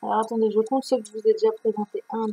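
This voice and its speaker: A woman's voice: fairly high pitch, flat delivery, racing, warm tone, slightly rough, rough recording. A woman presenting her reading pile in a casual vlog, chatty and full of fillers and restarts. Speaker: book vlogger.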